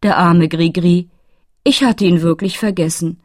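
A woman's voice: lowish voice, measured pace, a little mellow, no echo, clean studio sound. A woman voicing a coy, flirtatious female fairy who talks around things in an audiobook. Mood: bashful. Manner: coy, roundabout, fussing. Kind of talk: audiobook reading.

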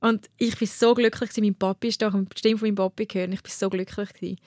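A woman's voice: mid-range voice, fairly even intonation, racing, a little mellow, no room sound, studio quality. A woman with a Swiss German accent, candidly telling a personal story in a conversation, with frequent restarts. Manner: candid, restarts often, laughs while telling. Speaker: guest.

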